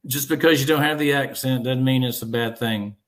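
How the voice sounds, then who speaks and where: A man interviewing a guest, asking questions in a friendly, relaxed way. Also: mid-range voice, brisk.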